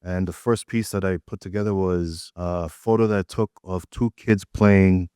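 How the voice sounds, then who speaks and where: Deep-voiced Tanzanian-born man. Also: moderate pace, clear, resonant tone, dry recording, studio quality. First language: Swahili. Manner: reflective, relaxed, with frequent fillers. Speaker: guest artist. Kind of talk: casual interview storytelling. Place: art gallery.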